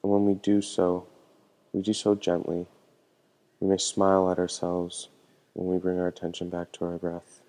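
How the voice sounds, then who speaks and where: This is a man guiding a meditation, speaking softly in the way a teacher of the practice would. His voice is low, mellow and soft-edged, with a very steady, flat pitch and calm, measured instructions.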